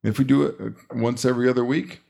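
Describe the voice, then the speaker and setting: A man hosting a casual podcast, talking in a rambling, relaxed way with many fillers. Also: medium pitch, quick pace, vocal fry. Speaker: podcast host.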